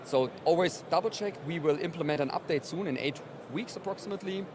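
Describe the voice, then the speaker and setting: Loud floor noise from a busy exhibition hall surrounds this man, a company representative being interviewed about his product at a trade event. He explains it conversationally in a fairly high-pitched voice at a quick pace.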